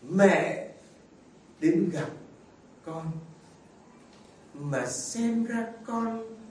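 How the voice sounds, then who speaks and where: High-voiced priest preaching in an echoey church. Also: male voice, lively intonation, drawn-out words, a little mellow, a little hiss or hum. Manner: asks the congregation rhetorical questions. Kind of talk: sermon. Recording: very echoey, far from the mic, faint ambience.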